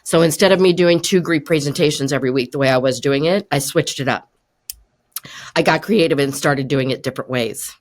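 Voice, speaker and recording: An older woman hosting a podcast, giving encouraging coaching advice in a relaxed conversational way and often laughing as she talks. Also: sits low, brisk.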